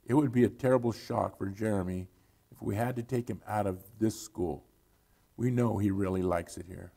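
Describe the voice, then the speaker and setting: A man's voice: on the low side, moderate pace, gravelly, warm tone. A man quoting a worried, pleading father.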